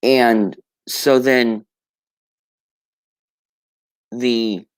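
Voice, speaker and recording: A man's voice: mid-range voice, steady tone, very slow, clear, resonant tone. A man streaming alone, retelling a story in a rambling casual way with many restarts and self-corrections. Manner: casual, swears offhandedly.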